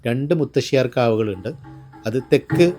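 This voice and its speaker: A man from Kerala with a Kerala accent narrates a descriptive vlog in a reflective, measured way, phrase by phrase. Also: medium pitch, dark tone. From Palakkad district, Kerala, India. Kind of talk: descriptive vlog narration of local temple customs. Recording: voice-over with music behind. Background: music.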